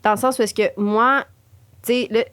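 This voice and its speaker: A woman from Chile with a Quebec French accent, co-hosting a podcast in casual, expressive conversation, full of fillers and stray English words. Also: fairly high pitch, moderate pace, clean tone, dry recording. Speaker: podcast co-host.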